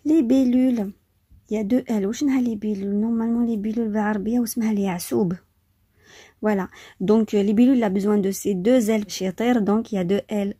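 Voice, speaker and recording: A woman's voice: medium pitch, fairly even intonation, fast, warm tone, breathy edge, dry recording, studio quality. A woman teaching French spelling in an informal, chatty lesson, with frequent hesitations and enthusiasm. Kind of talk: informal vocabulary lesson, mixing French and Arabic.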